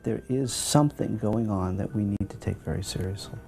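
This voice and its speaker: A man's voice: lowish voice, brisk, creaky, dark tone. A man speaking as a professor in a serious, formal expert interview. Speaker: psychology professor. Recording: interview with faint music behind.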